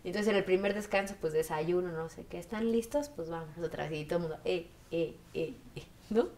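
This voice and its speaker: A woman's voice: lowish voice, brisk. A woman in her thirties with a Mexican accent, telling her story in a documentary interview and acting out the voices she quotes. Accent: Mexican Spanish. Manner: animated, acts out quoted voices.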